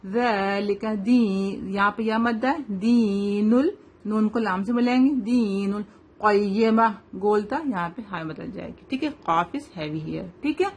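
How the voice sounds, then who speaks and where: A woman, teaching tajweed to children, explaining rules quickly and then reciting slowly word by word. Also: mid-range voice.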